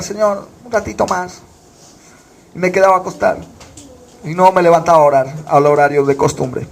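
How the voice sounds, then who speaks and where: A man from Bolivia preaches a fervent sermon, his voice sitting high for a man. He keeps asking the congregation questions and answering them himself. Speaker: pastor.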